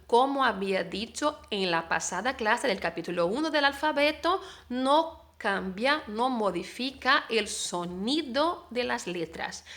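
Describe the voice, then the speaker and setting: A woman teaches an online language lesson. She explains each point patiently and keeps checking in with her students. Her voice sits a little higher than most. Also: a bit bright. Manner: patient, explanatory, checks understanding with frequent questions. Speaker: Spanish teacher.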